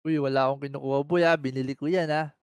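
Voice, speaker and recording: A man with a Filipino accent playing along in a Minecraft roleplay, teasing and quick to say calm down. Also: medium pitch, clean tone, no room sound. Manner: teasing, calls partner boy, fast calming patter. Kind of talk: casual Minecraft roleplay banter.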